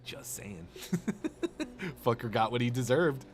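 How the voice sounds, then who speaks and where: A man's voice: mid-range voice, slow pace, over music. Profane ranting male streamer. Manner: animated, profane, sarcastic ranting. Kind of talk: casual live-stream rant.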